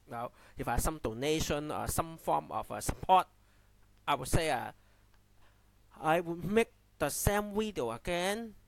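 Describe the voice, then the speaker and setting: Halting man with a heavy Cantonese accent. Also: fairly high pitch, lively intonation, gravelly. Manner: halting, repeats and restarts phrases often. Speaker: amateur YouTube commentator. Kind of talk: unscripted spoken commentary.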